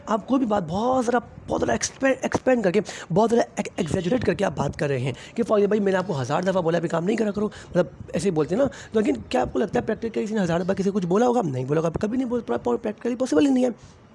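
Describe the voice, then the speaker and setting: A man's voice: sits high, vocal fry, mellow, a little hiss or hum. A young man with a Pakistani Urdu accent explaining a lesson to students, mixing in English terms and saying "theek hai" often. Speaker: teacher. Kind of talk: classroom explanation.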